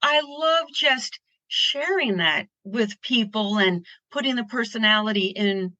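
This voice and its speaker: A woman's voice: a little high, measured pace, sharp tone, dry recording, muffled recording. A woman from Pennsylvania chatting as an interview guest, upbeat and rambling with restarts. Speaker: guest artist. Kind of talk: casual interview chat.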